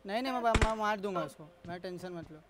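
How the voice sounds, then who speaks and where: A high-voiced man streaming a game live fires off hurried callouts to his squad. A clear crowd-like hubbub runs behind his voice throughout. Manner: urgent rapid callouts to teammates. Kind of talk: live gameplay squad chat.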